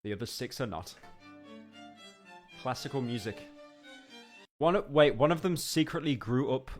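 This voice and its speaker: A man's voice: mid-range voice, a little slow, faint music behind. Rambling young man streaming. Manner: rambling, stammering restarts, sudden excited outbursts. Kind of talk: casual live-stream reaction.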